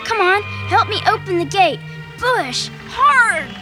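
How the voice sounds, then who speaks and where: Daring little boy, very high, bouncy, music behind. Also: animated, slow pace, full character voice. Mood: eager. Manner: daring, eager. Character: bold curious boy, older brother.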